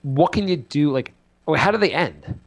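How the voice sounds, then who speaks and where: A man co-hosting a podcast, chatting casually and telling rambling, animated stories about his two small children with many fillers. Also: on the high side, normal speed. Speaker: podcast co-host. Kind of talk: casual chat.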